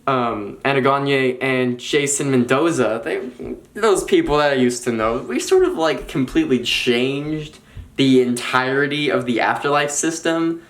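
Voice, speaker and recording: Posh name-dropping socialite lady, breezy and boastful, as a young man puts her on, mid pitch. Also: a little slow, a bit bright, reverberant, lightly acted. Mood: bragging. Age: young adult.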